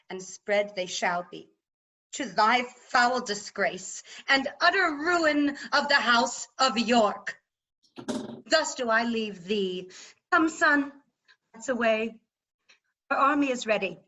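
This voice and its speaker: A woman's voice: a little high, sharp tone, heavily acted. A woman playing a proud, scornful warrior queen and wronged mother in declamatory, emphatic Shakespearean verse over a muffled video call. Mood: defiant. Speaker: actor in staged reading. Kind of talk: Shakespearean verse drama, theatrical delivery.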